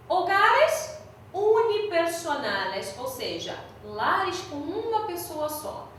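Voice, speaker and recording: A Brazilian woman teaching a class, explaining patiently and drilling pronunciation slowly. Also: a little high, a bit bright, a little hiss or hum. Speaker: Spanish teacher. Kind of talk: recorded online class. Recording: very echoey room, mic at a distance.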